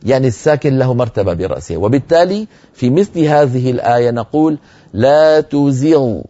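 A middle-aged man teaching Quran recitation rules in a lecture, slowly drawing out the example words as he explains them. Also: medium pitch, animated, dark tone, lo-fi sound.

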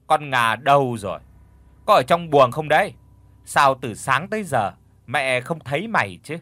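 A man voicing an older village mother who scolds her daughter with loud, wailing curses. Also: medium pitch, sing-song, moderate pace, husky, dry recording. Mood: fretful. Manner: wailing, cursing outbursts.

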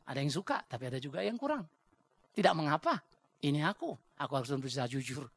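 A male pastor with a Batak accent preaching a sermon in a blunt, joking, animated way. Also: fairly high pitch, fast talker, breathy edge. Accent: Batak Indonesian.

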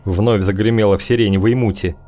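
A man reading an audiobook in measured, wry scripted narration. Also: fairly low pitch, steady tone, warm tone, soft background music.

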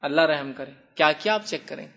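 A man giving a religious lecture, answering a question by telling lively stories and acting out both sides of each exchange. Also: a little high, gravelly, dull audio.

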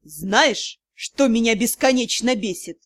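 A woman reading an audiobook, voicing a furious male dark-lord magister in a hoarse, menacing voice. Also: lowish voice, normal speed, no echo, clean studio sound, voice pushed down, close to an everyday voice. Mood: icy, furious. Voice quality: hoarse, growling. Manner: threatening, icy, commanding. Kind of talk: audiobook character voice.

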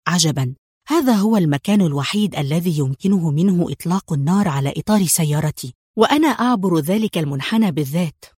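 Male spy hero read by a woman, audiobook, calm, sardonic, cool, dry sound. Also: fairly low pitch, quick pace, breathy edge, no echo. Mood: puzzled. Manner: calm, dryly mocking.

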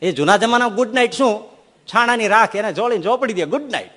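A male swami giving a humorous storytelling sermon, shifting between soft and loud delivery. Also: high-pitched, lively intonation, quick pace. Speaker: swami giving a scripture discourse. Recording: echoey hall.

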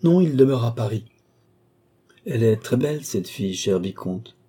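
A man's voice: medium pitch, lively intonation, moderate pace, dark tone, slightly rough. A man reading the part of an eager, boastful male viscount caught up in his own schemes.

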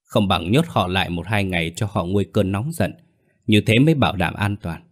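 A man doing a smooth, scheming villager. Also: sits low, brisk. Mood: persuasive.

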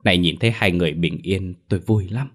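A man voicing a loyal, calm old male servant in a spoken storybook, talking in a measured way. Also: low voice.

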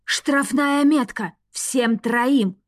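A grumpy dragon rector, played by a woman reader, slow and gruff with commanding orders. The storybook reading sits close and dry. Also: high voice, dry recording, voice pushed up. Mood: stern commanding.

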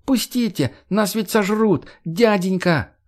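A young man , put on by a male narrator wails and begs in a high, desperate voice. His pitch climbs well above the narrator's own register in this audiobook reading. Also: takes it slowly. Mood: pleading, wailing. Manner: wailing, desperate pleading. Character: young man faking panic, pleading at a window.

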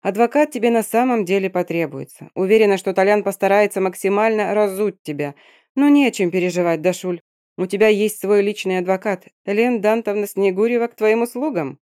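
A woman voicing a sharp, sarcastic female lawyer who speaks briskly and in a businesslike way. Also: medium pitch, no room sound, clean studio sound, close to an everyday voice. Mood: reassuring.

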